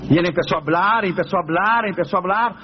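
A man's voice: high voice, quick pace. A male pastor telling a story in a sermon, fervent, and often calling out to the listeners as brothers. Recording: dull lo-fi recording, faint noise.

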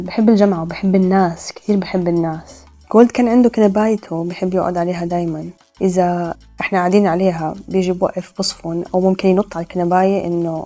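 A woman tells a personal story in a reflective, hesitant way. Her voice is low and mellow, and her level, flat delivery moves quickly. Soft music plays faintly behind her. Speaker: storyteller guest.

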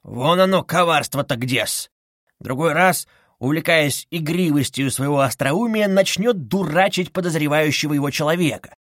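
A man's voice: fairly high pitch, fairly bright tone, no room sound, clean studio sound. A man doing a sly fawning investigator. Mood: sly wheedling. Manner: wheedling, ingratiating, drawn-out sly asides. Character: sly, fawning middle-aged male investigator.

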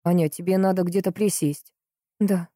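A woman voicing an anxious young fiancée who speaks high and urgently. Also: steady tone, normal speed, dark tone, dry recording, studio quality, close to an everyday voice.

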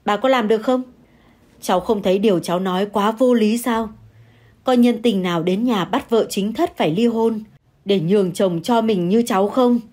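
A woman voicing a scheming young mistress who shouts, wails and pleads through tears. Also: mid-range voice, moderate pace, close to an everyday voice. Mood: scornful yelling.

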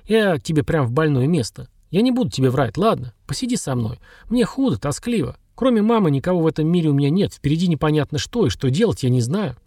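Guy reading a bitter young war vet in a wheelchair, gravelly, kinda up-and-down. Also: fairly high pitch, animated, fast talker, hardly any pauses, mellow, dry recording, studio quality. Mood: remorseful. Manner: bitter, blunt, then apologetic. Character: young ex-soldier in a wheelchair, bitter, guilt-ridden. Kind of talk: audiobook dialogue.

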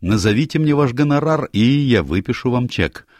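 A man's voice: lively intonation, moderate pace, a little mellow, no echo, studio quality, close to an everyday voice. A man voicing a wealthy, businesslike middle-aged financier in a read-aloud story. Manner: businesslike, low-voiced.

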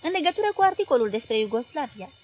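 A man's voice: very high voice, sing-song, soft background music, pitched above the performer's own voice. A woman voicing an earnest young male journalist who pleads his case in an urgent way.

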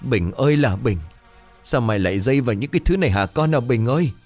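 A man's voice: animated, fast talker, a little mellow, faint music behind. Man doing a wailing old mother. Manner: shrill, wailing. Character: distraught elderly village mother, woman.

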